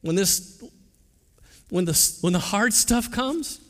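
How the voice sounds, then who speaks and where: A man's voice: high voice, lively intonation, slow pace. A male pastor preaching a sermon in an earnest, conversational way, often stumbling and restarting his words. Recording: long hall reverb.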